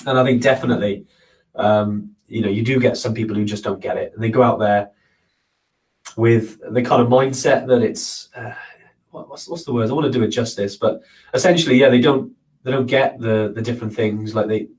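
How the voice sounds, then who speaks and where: A man's voice: medium pitch, steady tone, a little fast, a little mellow. A man hosting a casual live question-and-answer show, answering viewers in an earnest, rambling way. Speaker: host of a trekking live show. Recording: voice a bit far from the mic.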